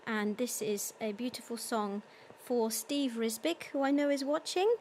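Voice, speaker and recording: A woman's voice: fairly high pitch, moderate pace, darkish tone, slight background noise. A woman hosting her own live concert stream, chatting casually with many ums and reading out viewer comments. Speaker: concert host and singer.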